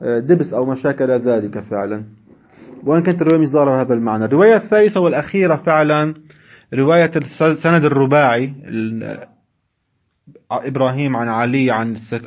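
A man teaching a seminary class, reading classical texts and explaining them in dialect with chuckling asides. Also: medium pitch. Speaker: religious studies teacher.

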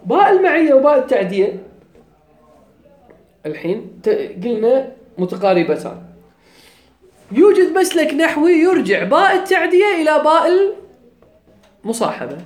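A man with a Kuwaiti accent lectures on grammar, laying out each point step by step. His voice moves up and down animatedly as he pauses to check his students are following. The room around him rings with echo. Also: very high voice, sing-song. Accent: Kuwaiti Arabic. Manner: explains step by step, often checks understanding. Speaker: grammar teacher. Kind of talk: classroom lecture. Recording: echoey room.

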